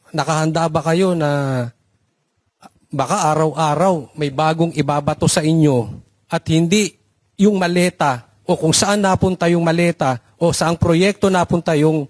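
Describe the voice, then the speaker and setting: A male co-host with a somewhat high voice. He speaks briskly and puts hard questions to the guests in a direct, challenging way. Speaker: co-host and vlogger.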